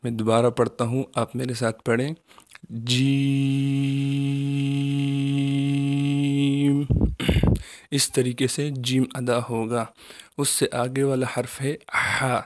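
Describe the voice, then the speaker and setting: Patient, flat-voiced male Quran teacher. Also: medium pitch. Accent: Pakistani Urdu. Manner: patient, repeats each letter slowly and drawn out. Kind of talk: children's recitation lesson.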